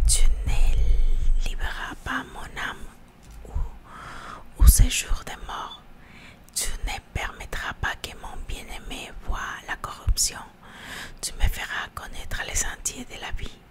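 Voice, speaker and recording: In a mostly unvoiced, library-quiet whisper, a woman reads scripture for ASMR. She goes slowly and haltingly, sometimes repeating words.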